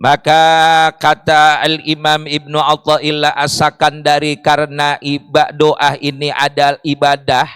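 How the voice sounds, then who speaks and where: A man's voice: a little high, monotone, unhurried, few pauses, fairly bright tone, clear, resonant tone, no room sound. A man preaching a sermon in a mosque, explaining with rhetorical questions and Arabic phrases.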